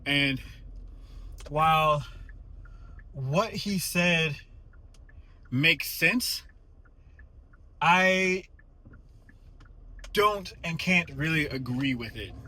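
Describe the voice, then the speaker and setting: A man's voice: fairly high pitch, lively intonation, drawn-out words, pauses often, pushed and bright. A man talking casually to his phone camera while driving, a little out of breath after the gym, thoughtful and hesitant with many fillers. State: slightly out of breath. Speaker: vlogger. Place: inside a car.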